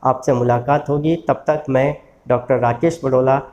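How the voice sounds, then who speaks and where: A man giving a recorded lecture, slowly stretching out word sounds and encouraging his students. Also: mid-range voice, steady tone, a little mellow, highs cut off. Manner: slow, drawn-out sounding of syllables, encouraging. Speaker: law college lecturer. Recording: echoey room.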